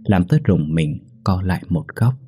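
Deep, dark-voiced male horror narrator. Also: animated, moderate pace, slightly rough, soft background music. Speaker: storyteller.

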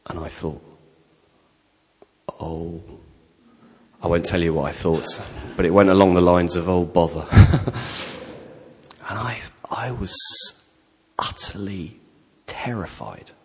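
A middle-aged man preaching a personal testimony, telling his story with animated, self-deprecating humour. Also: sits low, slow pace, pauses often. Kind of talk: sermon testimony. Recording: long hall reverb.

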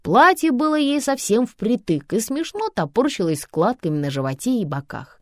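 A woman narrating a children's story audiobook in a lively, expressive way. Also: on the high side, normal speed, dry recording, studio quality.

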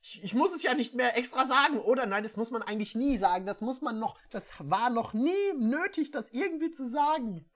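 A reader working through a badly written fan story, voice lively and bright with wide swings. Narration turns melodramatic, then drops into dry, sarcastic asides. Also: mid-range voice, fairly quick, few pauses. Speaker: reader of bad fan fiction. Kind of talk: comedic dramatic reading with asides.

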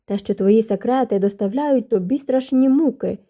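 Brief: woman voicing a passionate young gentleman, pressing, mellow and dark, storybook. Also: fairly high pitch, moderate pace, close to an everyday voice. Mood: insistent.

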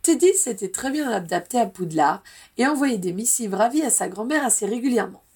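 A woman reading a novel aloud in calm, even audiobook narration. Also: fairly high pitch, brisk, husky. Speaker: reader of fan fiction.

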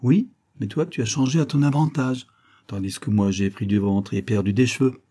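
A man's voice: mid-range voice, normal speed, mellow, natural voice. A man reading the part of a plump, naive, good-hearted man of thirty in a storybook reading, eager and effusive.

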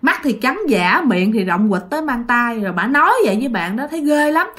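Animated Southern Vietnamese woman storyteller. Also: fairly high pitch, brisk. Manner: dramatic, addresses listeners directly. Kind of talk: spoken ghost-story narration.

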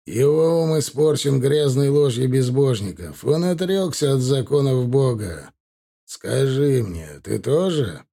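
Man playing a cruel warlord, slow drawl, contemptuous, menacing, audiobook. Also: mid-range voice, animated, vocal fry, mellow. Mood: cold menace. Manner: slow, drawn-out, contemptuous delivery. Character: cruel, scornful male warlord, cold and menacing.

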